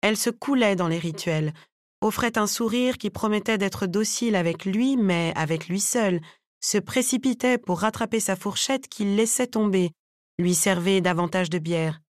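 A woman narrates an audiobook chapter in a measured, even storytelling manner. Her voice sits at an ordinary middle pitch, and the recording is close and dry with no room sound. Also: dry recording. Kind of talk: scripted narration.

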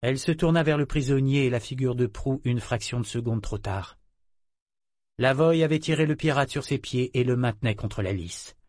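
A man narrating a novel as an audiobook in a dramatic, expressive reading. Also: mid-range voice, normal speed, no echo, studio quality.

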